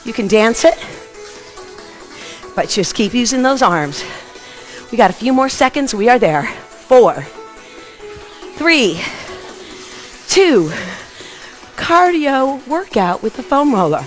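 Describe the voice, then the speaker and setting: A woman's voice: on the high side, very animated, unhurried, long pauses. A middle-aged woman aerobics instructor calling out short, punchy, encouraging workout cues as she exercises. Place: open living room at home, indoors. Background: music.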